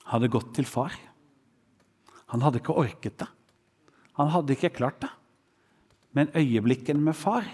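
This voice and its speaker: A man's voice: mid-range voice, a little mellow. A man preaching a sermon, quoting scripture with a rising and falling voice. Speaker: pastor. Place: church hall. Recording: church hall reverb.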